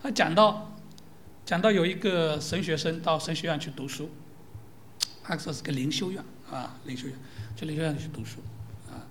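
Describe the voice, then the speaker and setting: A preacher giving a sermon in lively storytelling style, often asking "right?" of the listeners and dropping into soft, near-whispered asides. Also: mid-range voice, moderate pace, pauses often, slight background noise. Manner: lively storytelling with rhetorical questions.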